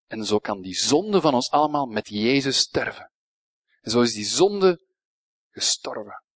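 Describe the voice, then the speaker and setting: A man with a Flemish accent preaching a sermon, swinging between hushed, quiet passages and emphatic, raised lines. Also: medium pitch, sing-song, measured pace, no echo.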